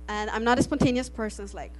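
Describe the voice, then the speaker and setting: A middle-aged Austrian woman whose native language is German gives an earnest missionary testimony to an audience, laughing often and restarting phrases. Her voice is on the high side and quick, with a little hiss or hum on the recording.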